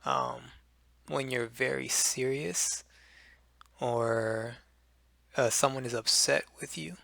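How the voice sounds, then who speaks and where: A man teaching English pronunciation, explaining slowly and deliberately with many fillers. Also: medium pitch, creaky, fairly bright tone, no room sound. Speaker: language teacher.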